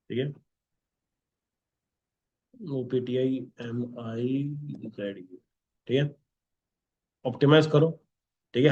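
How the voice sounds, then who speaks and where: In a muffled recording, a male instructor with a voice on the high side leads a class. His delivery is instructive, and he tacks on "okay?" after almost every point he makes.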